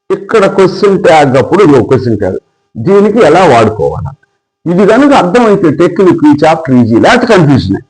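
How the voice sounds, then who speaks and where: A man's voice: sits high, darkish tone, rough recording. A middle-aged man with a Telugu accent teaching an English grammar lesson, explaining emphatically and drilling word pairs.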